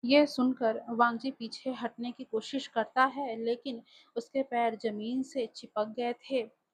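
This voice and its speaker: A woman narrating a dark fan fiction horror story with slow, deliberate delivery. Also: a little high, fairly even intonation, breathy edge, low-quality recording.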